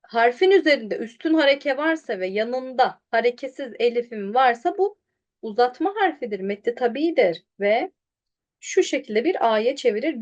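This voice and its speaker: A woman teaching pronunciation online, sounding out syllables slowly and contrasting wrong and right versions. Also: on the high side, a little mellow, highs cut off. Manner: directly addresses students, quotes them animatedly. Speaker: Quran recitation teacher.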